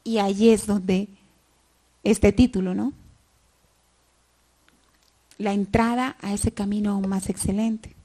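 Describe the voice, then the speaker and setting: Slow, hushed woman preacher. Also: little pitch movement. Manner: slow, dropping to near whispers for scripture and rising to fervent high cries. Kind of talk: Sunday sermon.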